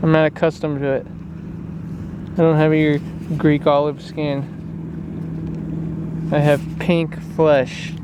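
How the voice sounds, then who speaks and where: A man's voice: fairly high pitch, level tone, takes it slowly, long pauses, background noise. A man making casual, bantering conversation in a home vlog.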